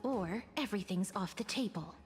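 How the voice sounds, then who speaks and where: A woman's voice: mid-range voice, animated, moderate pace, big-room sound, soft background music, natural voice. A woman voicing a sly, teasing young female thief with a cat-like, playful manner in a video game.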